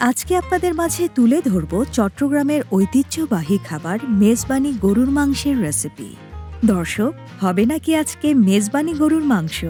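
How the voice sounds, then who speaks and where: A woman presents a cooking show with a scripted introduction. Her voice is high and animated, with a soft mellow tone and faint music behind.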